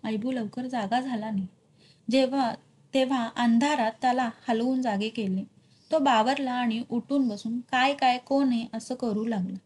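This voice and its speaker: A woman teacher reading a novel aloud with expressive emphasis for her students. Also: on the high side, moderate pace, husky. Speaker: literature teacher.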